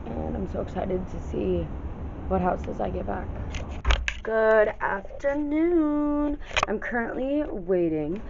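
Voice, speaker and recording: A woman's voice: mid-range voice, gravelly. A young college woman talks to her vlog in a bubbly, chatty sorority-girl style. Her delivery is casual and girly. The audio is slightly muffled, with some noise around her. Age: young adult. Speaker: student vlogger going through sorority recruitment. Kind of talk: casual video diary.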